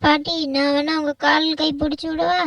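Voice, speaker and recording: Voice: high-pitched, level tone, moderate pace, gravelly, a bit bright, no echo, far from the mic. A performer voicing a young boy in a doll vlog, apologetic and eager to help. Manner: pleading, repetitive, childlike.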